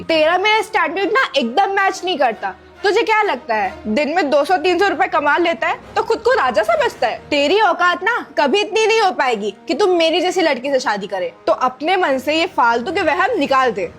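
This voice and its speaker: A woman playing a scornful, very high-voiced rich girl. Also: fairly bright tone, heavily acted. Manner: contemptuous, insulting, scolding. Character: arrogant young woman scorning a poor servant. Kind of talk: scripted skit acting.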